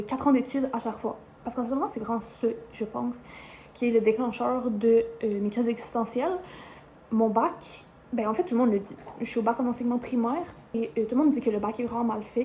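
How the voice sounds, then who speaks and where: A woman's voice: fairly high pitch, darkish tone, slight background noise. A woman in her twenties with a Quebec French accent, chatting to camera in a rambling way, full of fillers. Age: 20s. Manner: chatty, rambling, frequent "euh" and "genre" fillers. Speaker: vlogger, university student. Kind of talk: casual chat to camera.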